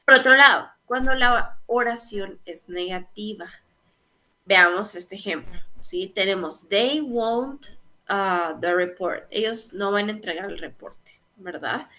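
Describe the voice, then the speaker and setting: A woman's voice: mid-range voice, slow pace, bright, forceful tone. A young woman teaching an English grammar lesson, explaining patiently step by step and often checking in with her students.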